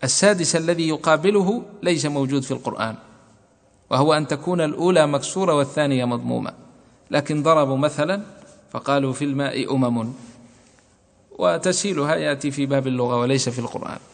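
A man's voice: fairly high pitch, fast talker, vocal fry. A man teaching a classroom lesson on Quran recitation rules, methodically repeating points and asking and answering his own questions. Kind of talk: classroom lesson explaining verse. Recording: long hall reverb.

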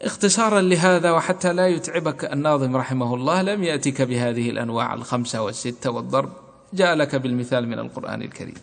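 A man's voice: mid-range voice, fast talker, gravelly. A man teaching a classroom lesson on Quran recitation rules, methodically repeating points and asking and answering his own questions. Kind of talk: classroom lesson explaining verse. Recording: long hall reverb.

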